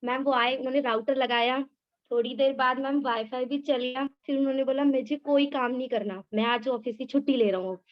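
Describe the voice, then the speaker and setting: A woman's voice: sits high, fairly even intonation, brisk, lo-fi sound. A woman eagerly sharing a personal story on a video call, talking nonstop and calling the host ma'am. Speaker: participant sharing her experience.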